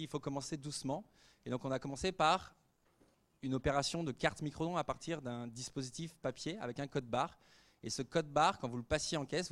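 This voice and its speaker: A man in his forties, a guest speaker telling anecdotes to students in a lively way, with many fillers. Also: medium pitch. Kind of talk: storytelling talk to students.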